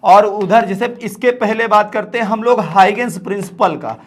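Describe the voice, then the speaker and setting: High-voiced man teaching exam physics. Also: normal speed. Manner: direct, repeats "ठीक है" and calls students "बेटा". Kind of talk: exam-prep lesson.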